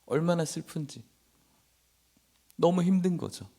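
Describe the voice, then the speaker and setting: A man's voice: on the high side, a little slow, warm tone. A male pastor preaching a sermon, at times voicing emotional, pleading prayers aloud.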